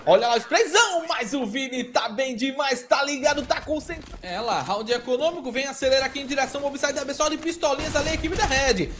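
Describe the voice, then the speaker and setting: A man with a Brazilian accent calling esports play-by-play, with rapid excited calls that break into shouts. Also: very high voice, a little hiss or hum. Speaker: play-by-play caster.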